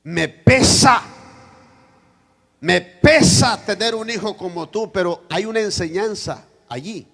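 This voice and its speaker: A pastor delivers a church sermon, alternating loud shouted passages with quiet asides and acting out the voices he quotes. His voice sits high and creaky, expressive and slowly paced.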